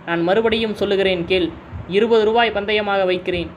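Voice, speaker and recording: Story reading: man voicing a cunning schemer, slow calm taunts, fairly high voice. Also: a little hiss or hum, close to an everyday voice. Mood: taunting. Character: sly scheming man goading a simpleton.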